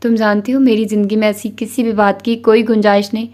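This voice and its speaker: A woman's voice: mid-range voice, flat delivery, a little mellow, lightly acted. A woman voicing a young man who scolds harshly and dismissively in a novel reading. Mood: angry.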